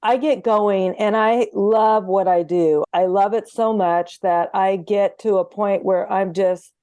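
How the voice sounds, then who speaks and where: A woman's voice: mid-range voice, fairly even intonation, measured pace, warm tone, no room sound. A woman homeopath talking as a guest in an interview, chatty and earnest, acting out bits of conversations as she tells stories. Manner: chatty, earnest, re-enacts dialogue.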